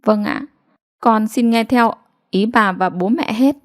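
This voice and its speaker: A woman voicing a beaten, despairing young village woman whose speech turns high and pleading. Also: unhurried, close to an everyday voice. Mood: resigned. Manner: pleading and broken, high-pitched cries.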